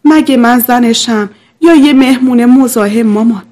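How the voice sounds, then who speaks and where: A woman's voice: a little high, darkish tone, natural voice. A woman voicing a distraught young wife who pleads through tears. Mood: tearful, pleading. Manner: pleading, tearful.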